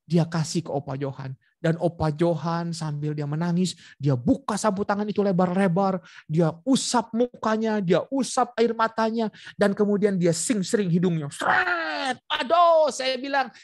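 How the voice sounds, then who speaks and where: A man's voice: high-pitched, normal speed, dry recording. A male preacher tells a personal story at an online prayer meeting, acting out the back-and-forth between people. He often speaks straight to his listeners. His voice sounds close and dry, with no room sound. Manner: lively storytelling, acting out dialogue; addresses listeners directly. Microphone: video call.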